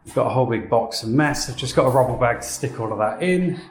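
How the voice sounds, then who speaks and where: A man's voice: mid-range voice, quick pace, a little hiss or hum. A man filming his home renovation, thinking aloud as he works, his voice echoing around an emptied room. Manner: muttering to himself while working, thinking aloud. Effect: echoey sound of a bare, emptied room. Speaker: DIY renovation vlogger. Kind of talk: casual chat narrating home renovation work. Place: indoors, empty room stripped of flooring.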